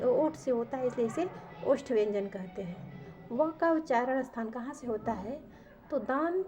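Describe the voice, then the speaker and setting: एक महिला शिक्षिका जो परीक्षा की तैयारी के लिए व्याकरण का पाठ पढ़ाती है, खुद से सवाल पूछकर जवाब देती है और मुख्य शब्द दोहराती है।. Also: female voice, on the high side, darkish tone. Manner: asks a question and answers it herself, repeats key terms. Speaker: teacher. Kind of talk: exam-prep grammar lesson.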